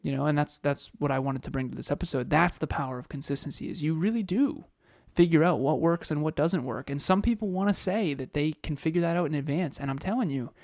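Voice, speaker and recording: A man's voice: on the high side, quick pace, few pauses, a little mellow, no echo, studio quality. A man in his thirties co-hosting a motivational podcast, talking with energy, firing off rhetorical questions and repeating phrases. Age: 30s. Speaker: podcast co-host.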